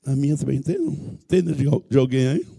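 A man preaching a sermon as pastor in a church, telling a story with lively acted-out voices and bursts of shouting. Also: medium pitch, brisk, gravelly, breathy edge. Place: church sanctuary.

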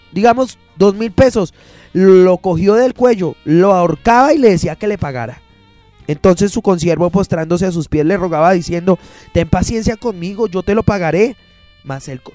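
A man's voice: high voice, a little mellow, no echo. A male pastor preaching a sermon, stopping and restarting his sentences as he explains a Bible passage. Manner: preaching with many pauses and restarts. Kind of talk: radio sermon.

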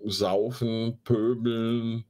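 This sarcastic, slang-heavy host of a live online show mocks what he reads aloud in casual commentary. His medium-pitched, dark-toned voice is flat and extremely slow.

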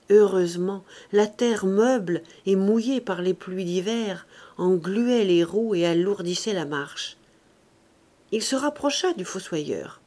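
A woman narrating an audiobook of a classic novel in a measured, expressive reading style. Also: mid-range voice.

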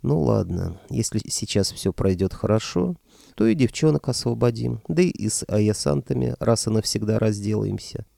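A man with a low, gravelly, mellow voice reads a fantasy story in the first person. He sounds wry and chatty. The close, dry recording leaves no room echo. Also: lively intonation, normal speed. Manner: wry, conversational. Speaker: audiobook narrator.

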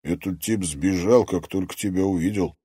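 A man gives voice to a wary young swordsman who stays level and guarded. The tone is low, dark and husky, recorded dry and close for a storybook. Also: normal speed, no room sound.

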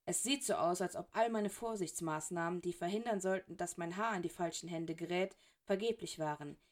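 A woman's voice: fairly low pitch, a little fast, natural voice. Woman reading a hissing, indignant wizard. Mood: suspicious. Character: suspicious, hissing younger male wizard. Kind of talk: audiobook character reading.

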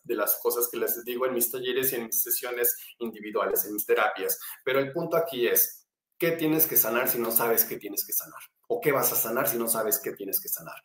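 A man who works as a spiritual therapist, explaining an exercise in an animated way, often repeating phrases and asking rhetorical questions. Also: medium pitch, reverberant. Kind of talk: spiritual self-help talk.

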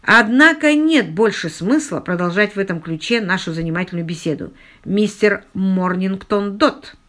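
Woman doing a stern doctor guy, sharp and precise, storybook reading. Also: medium pitch, brisk, natural voice.

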